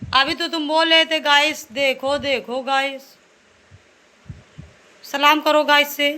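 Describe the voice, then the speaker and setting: Holding her phone at home indoors, a mom makes a relaxed family vlog, calling her viewers "guys" and chatting as she looks after the kids. She talks slowly in a high, sharp voice with fairly even intonation.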